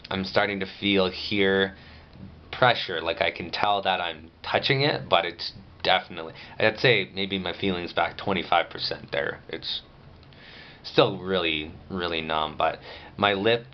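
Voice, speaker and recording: A man's voice: deep voice, a little slow, dull audio. A man giving a casual, rambling video diary update, speaking matter-of-factly with restricted jaw movement after jaw surgery.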